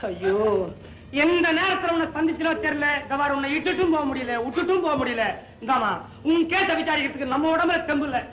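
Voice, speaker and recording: An actor playing a chatty, teasing working-class man in a 1960s film comedy, scolding and joking in quick comic patter. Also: very high voice, expressive, a bit bright, roomy sound, lo-fi sound. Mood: chiding kind. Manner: joking, scolding, fast-talking.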